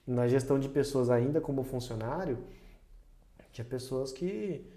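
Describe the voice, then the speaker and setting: Man talking in a warm, roomy podcast room. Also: mid-range voice, moderate pace. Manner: reflective storytelling, laughs often at himself. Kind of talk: casual podcast conversation. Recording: roomy echo.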